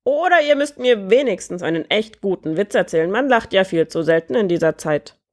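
A woman voicing a croaking, joke-loving male bird prince in a storybook reading, with a cheerful, joking manner. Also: medium pitch, lively intonation, fairly quick, close to an everyday voice. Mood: jokey. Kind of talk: storybook character voice.

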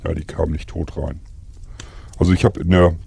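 Extremely deep, raspy man, flat delivery, calm survival role-play storyteller. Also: normal speed.

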